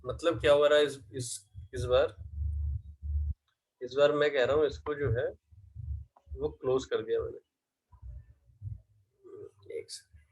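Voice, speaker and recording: Husky male teacher giving a lesson. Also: mid-range voice, fairly even intonation, measured pace, pauses often, rough recording. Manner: asks students questions and answers them himself; mixes Hindi with English terms. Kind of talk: classroom lecture.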